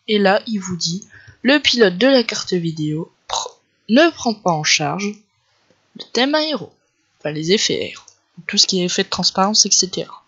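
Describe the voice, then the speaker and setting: A man's voice: high-pitched, pushed and bright, breathy edge. Ch'ti-accented man, dull lo-fi tutorial. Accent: Northern French (ch'ti). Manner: informal, loose step-by-step explaining. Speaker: tech tutorial creator. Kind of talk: casual screen-recorded tutorial narration. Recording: dull lo-fi home recording.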